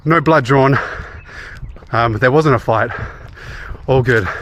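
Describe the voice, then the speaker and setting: A man's voice: mid-range voice, slow, a bit bright. An Australian man chatting casually in a running vlog, recorded outdoors. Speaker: running vlogger. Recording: clear outdoor background noise.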